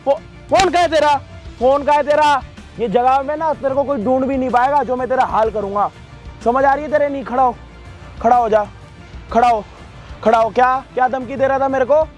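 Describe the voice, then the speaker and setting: Young man shouting angry threats. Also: extremely high pitch, a little fast, faint music behind. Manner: aggressive, repetitive interrogation. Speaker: confronting vigilante. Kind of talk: staged confrontation video.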